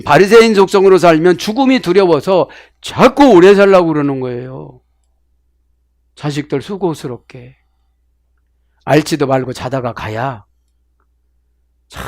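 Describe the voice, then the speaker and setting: A middle-aged man preaching with animated swings from loud outbursts to hushed asides. His voice sits a bit high for a man. The sound is dry and close, with no room echo. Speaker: pastor. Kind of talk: sermon with Bible word study.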